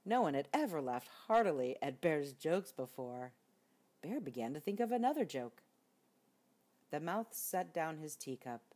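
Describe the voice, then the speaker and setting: With a low, slightly mellow voice that swings widely in pitch, an older woman reads a children's story aloud. She delivers it expressively, like a grandmother, with deliberate emphasis.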